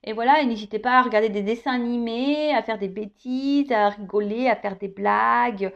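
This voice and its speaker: A woman in her thirties chats her way through a tarot guidance reading, joking and tagging her phrases with little asides. Her voice sits fairly high. The recording is dull and lo-fi. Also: moderate pace, creaky. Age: 30s. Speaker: tarot reader. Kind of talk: casual tarot guidance chat.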